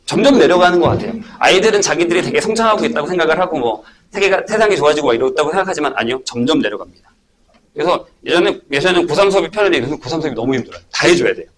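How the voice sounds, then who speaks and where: A middle-aged man, a math academy teacher, giving an information session talk to parents and telling stories in an animated way. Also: a little high, racing. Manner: animated storytelling, acting out students and himself.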